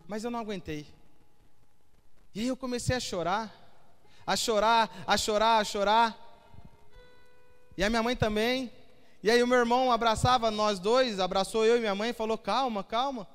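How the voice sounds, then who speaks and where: Very high-voiced man preaching in a hall. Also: fairly quick, fairly bright tone, smooth. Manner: emotional, storytelling with quoted dialogue. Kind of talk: sermon testimony. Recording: hall reverb with faint music.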